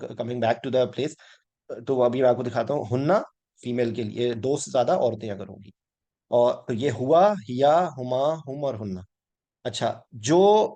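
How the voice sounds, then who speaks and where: A man's voice: on the high side, darkish tone. A man teaching a weekly Quran class, patiently explaining grammar and often checking "ठीक है?" as he mixes in English words.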